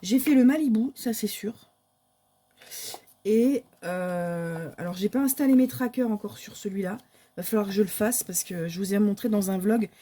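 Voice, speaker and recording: A woman's voice: mid-range voice, dark tone, slightly rough. A woman, casually showing her month's coloring pages in a chatty, hesitant way with many fillers. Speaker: crafting vlogger. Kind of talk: casual show-and-tell of coloring books.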